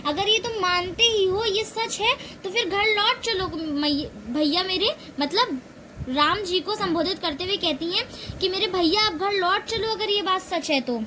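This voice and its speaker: A woman's voice: very high-pitched, a little slow, background noise. A woman teaching Hindi, patiently explaining lines of poetry one by one, often repeating and correcting herself as she goes.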